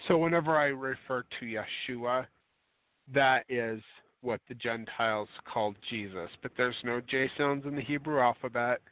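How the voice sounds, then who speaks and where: A man reading a religious book aloud with digressive asides, often clearing his throat and correcting himself. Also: mid-range voice, normal speed, dry recording. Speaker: religious radio reader and commentator. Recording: dry tinny phone-line audio.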